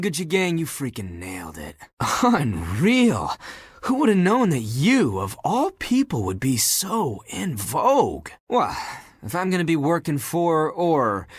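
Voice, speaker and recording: A male voice, a little high and exaggerated, plays a haughty, flamboyant video game character: a sassy, theatrical pile of talking dirty laundry who dreams of being a fashion designer. Husky, close and dry with no room sound, it swoops freely up and down while teasing and looking down its nose. The mood shifts from astonished and elated to inspired and earnest.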